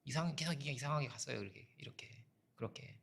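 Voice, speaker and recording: The speaker is a middle-aged male pastor whose medium-pitched voice comes quickly, creaky and a bit bright with a breathy edge. He preaches conversationally, sharing personal stories, posing rhetorical questions, and often interjecting "어?".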